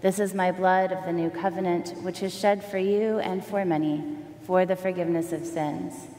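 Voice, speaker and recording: Woman celebrant, solemn measured liturgy, cathedral echo, long church reverb. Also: on the low side, steady tone, mellow. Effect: cathedral echo from a large church. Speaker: priest leading the Eucharist. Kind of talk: reciting the Eucharistic prayer in a church service. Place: large church during a service. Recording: echoey hall with faint room noise.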